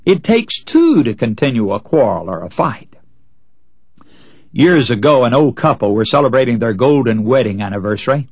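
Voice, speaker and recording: Husky, animated male preacher. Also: mid-range voice, moderate pace, no echo. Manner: earnest, folksy preaching, addressing listeners as friends. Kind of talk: radio sermon with illustrative stories.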